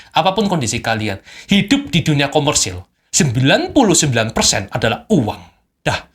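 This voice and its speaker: A man's voice: on the high side, a bit bright. A young man, a business owner, giving an unscripted motivational talk to camera at home at night, blunt and emphatic, repeating phrases to drive points home. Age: young adult.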